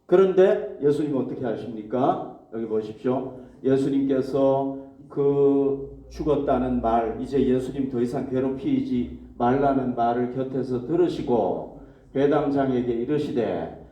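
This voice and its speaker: A man's voice: mid-range voice, a little slow, lo-fi sound. A male pastor preaching a sermon to his congregation, asking questions and answering them himself. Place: church hall. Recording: echoey church hall, mic at a distance.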